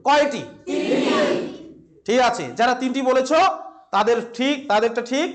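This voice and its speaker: Very high-voiced Bengali male teacher. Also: moderate pace. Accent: West Bengal Bengali. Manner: quizzing, repeats each answer, playful asides. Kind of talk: classroom exam-prep lesson. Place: classroom filmed by a cameraman.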